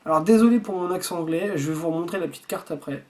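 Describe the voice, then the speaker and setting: A man's voice: fairly high pitch, quick pace, darkish tone. A man chatting casually while unboxing a subscription box at home, rambling and swearing freely. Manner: rambling with frequent restarts.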